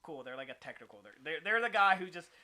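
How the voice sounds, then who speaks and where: Bright-voiced excitable male podcast host. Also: fairly high pitch, quick pace. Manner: rambling, filler-heavy, excitable. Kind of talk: casual chat.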